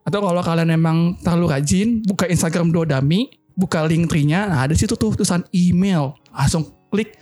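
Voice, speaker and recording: A man's voice: on the high side, brisk, warm tone, soft background music. A man who cannot pronounce his r's properly, chatting casually as a podcast host.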